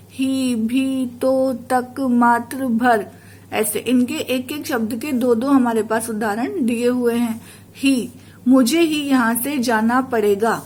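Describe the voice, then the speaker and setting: A woman's voice: high-pitched, a little mellow. A woman teacher giving a recorded school lesson, explaining carefully and reading out example sentences.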